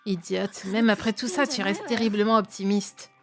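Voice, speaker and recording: A woman with a French accent voicing a sharp-tongued, prickly young woman, reading game lines on stream. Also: mid-range voice, fairly even intonation, moderate pace, music in the background, natural voice. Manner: snappish and scornful.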